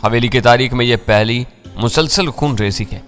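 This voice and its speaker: A man voicing a menacing crime boss who speaks in a cold, low, quiet tone. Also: soft background music, close to an everyday voice. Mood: coldly menacing.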